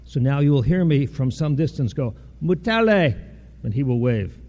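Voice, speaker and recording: A man serving as college dean, reading scripture in a measured, formal way and then introducing a speaker. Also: mid-range voice, very animated, warm tone. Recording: dull lo-fi sound.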